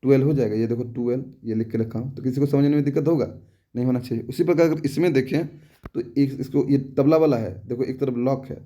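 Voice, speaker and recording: A young adult man with a warm, mid-range voice talks fast while teaching an exam-prep lesson. He's casual and repetitive, uses homely examples, and keeps asking rhetorical questions to check whether students have understood.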